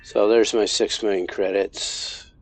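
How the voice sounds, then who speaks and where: A man's voice: lowish voice, level tone, unhurried, soft background music. A man casually commenting on his gameplay as a streamer, thinking aloud with frequent restarts. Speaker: game streamer.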